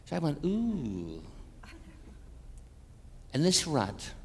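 Older Irish missionary preacher, joking storyteller; echoing hall sound. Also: male voice, mid-range voice, moderate pace, a little hiss or hum. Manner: animated, jokey storyteller. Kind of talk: storytelling sermon. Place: church hall with a congregation. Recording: echoey hall, faint ambience.

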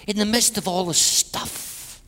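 An Irish man preaching an evangelistic sermon with personal testimony in a large church, swinging between loud emphatic peaks and hushed passages, with wry humorous asides. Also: sits high, a little slow. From Ireland. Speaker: guest preacher, minister to Europe. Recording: church hall with long reverb.

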